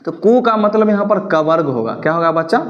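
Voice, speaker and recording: A man with a fairly high-pitched voice teaches a classroom grammar lesson. He poses each question, repeats it and answers it himself in a steady call-and-response rhythm. He slows down to dictate definitions for the class to copy. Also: lo-fi sound, crowd noise. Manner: slow, dictating pace for note-taking. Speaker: Sanskrit teacher.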